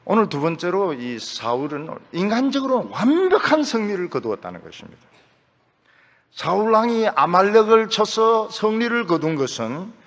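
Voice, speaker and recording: This older male pastor has a high voice with big pitch swings and a fairly bright tone, speaking at normal speed. Preaching in a church sanctuary with a Gyeongsang accent, he jokes in a folksy way and repeats his key phrases. The audio has church hall reverb.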